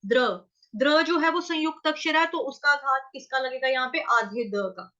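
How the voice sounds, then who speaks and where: A woman leads a chanting lesson, her high, bright voice unhurried as she patiently breaks down each syllable. The sound is slightly dull and lo-fi. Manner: patient, explains pronunciation step by step. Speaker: Sanskrit recitation teacher. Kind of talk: chanting lesson with slow verse recitation.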